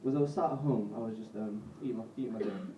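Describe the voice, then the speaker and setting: A man in his twenties from Bolton with a Northern English accent, doing a live stand-up set in a self-deprecating, halting way with frequent swearing. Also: on the low side, a little hiss or hum. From Bolton, England. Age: 20s. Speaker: stand-up comedian. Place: comedy club stage. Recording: roomy, distant, muffled live recording.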